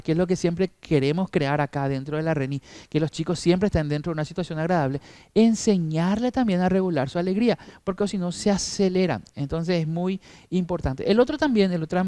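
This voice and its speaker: A man, middle-aged, leads a training talk for church children's teachers. His voice sits a little high and he keeps answering his own questions. The sound is close and dry. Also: darkish tone, no echo. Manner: explanatory, repeats with rhetorical questions.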